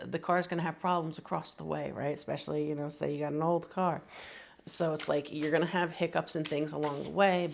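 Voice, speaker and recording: A woman with a low, gravelly voice and a cold that leaves her sniffly gives a tarot reading. She rambles casually, packing her talk with slang and fillers.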